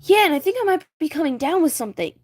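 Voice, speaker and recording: A woman voicing Flounder, a timid little male fish who talks in a squeaky, jittery, loud way. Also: very animated, racing, dry recording. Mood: panicky.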